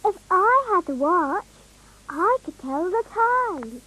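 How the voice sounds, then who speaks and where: A woman's voice: very high-pitched, big pitch swings, slow pace, sharp tone, exaggerated voice, poor audio. A woman voicing a sweet, eager little fairy princess in a children's cartoon, curious and childlike, with a British accent. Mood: wistful, curious. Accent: British English. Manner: curious, childlike, wide-eyed.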